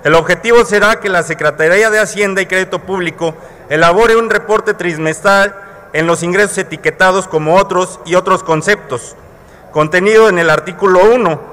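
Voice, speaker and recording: A man's voice: high voice, bright, forceful tone. A man in his thirties with a Mexican Spanish accent, giving a parliamentary floor speech at a podium microphone in a large legislative chamber, colloquial and full of rhetorical questions to his colleagues. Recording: long reverb of a large hall.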